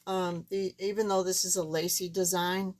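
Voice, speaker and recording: A woman with a thin, squeaky, reedy voice that is not quite back to normal, giving a casual, step-by-step craft tutorial in a halting way. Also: level tone, a little mellow. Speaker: card-making tutorial host.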